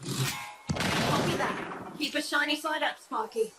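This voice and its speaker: A woman's voice: high-pitched, slow pace, very noisy. An actress playing a tough, wisecracking woman squad leader in video game dialogue, brash and teasing with nicknames for everyone.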